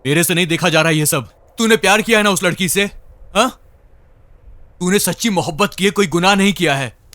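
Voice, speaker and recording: A man's voice: sits high, fairly quick, sharp tone, no room sound. A man dubbing a young, chatty, wisecracking sidekick friend in a film. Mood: urging. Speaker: dub actor. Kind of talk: dubbed film dialogue.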